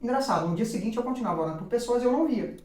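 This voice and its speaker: A man's voice: very high-pitched, animated, racing, a little mellow, heavy reverb. A man, a guest on a podcast, animatedly telling a personal faith testimony with lots of quoted dialogue.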